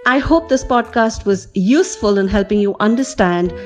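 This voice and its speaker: A woman, a communication trainer giving a scripted talk with clear, deliberate emphasis. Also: medium pitch, expressive, darkish tone, faint music behind.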